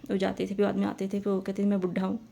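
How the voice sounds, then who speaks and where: Chatty woman with a flat, mellow voice. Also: mid-range voice, gravelly. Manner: chatty and rambling, repeats phrases. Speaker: vlogger telling a personal story. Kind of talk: casual personal storytelling.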